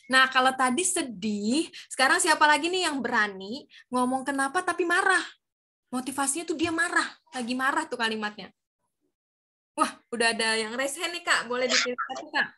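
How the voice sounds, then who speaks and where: A woman who voices for a living leads an online class for children in a bright, ringing tone. She speaks a little above the usual pitch, with a cheerful, encouraging manner. Her voice comes over a video call. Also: moderate pace. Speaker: voice actor teaching a workshop.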